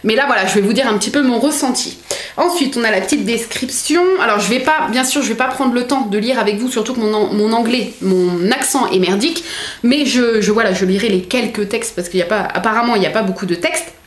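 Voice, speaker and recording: A young woman chatting as a book vlogger, excitable and full of fillers. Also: on the high side, brisk. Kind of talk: casual unboxing chat. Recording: echoey room.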